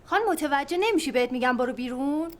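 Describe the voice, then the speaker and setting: Curt nurse, high voice, impatient. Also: female voice, expressive, a little hiss or hum. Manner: impatient, dismissive. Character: curt hospital nurse, woman.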